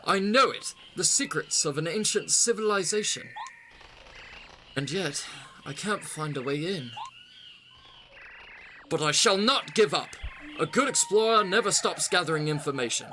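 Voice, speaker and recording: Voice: medium pitch, animated, measured pace, pauses often, sharp tone, a little hiss or hum, pitched above the performer's own voice. Someone doing a pompous English turtle explorer. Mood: determined. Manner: theatrical, pompous, upper-crust. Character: eccentric English male turtle explorer, gung-ho.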